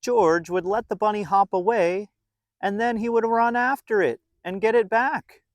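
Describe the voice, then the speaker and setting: A man reads aloud to young kids in a playful, expressive way, full of dramatic emphasis and stretched-out words. His voice is high-pitched and the audio has no echo.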